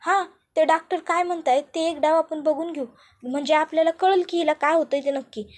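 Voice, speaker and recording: A woman's voice: fairly even intonation, a little fast, close to an everyday voice. Woman doing a pleading village wife. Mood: coaxing. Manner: pleading, higher and louder.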